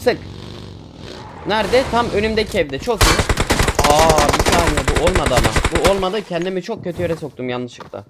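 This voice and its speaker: A man's voice: on the high side, moderate pace, very noisy. A young man commentating his own mobile shooter gameplay, casual and joking, talking to viewers and bursting out in fights. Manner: bursts into loud excitement in fights. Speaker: gaming streamer. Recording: game gunfire loud behind. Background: gunshots and game sounds.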